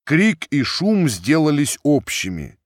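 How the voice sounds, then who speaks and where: A man narrating classic prose for an audiobook with an expressive delivery. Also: a little high, takes it slowly, dry recording, studio quality.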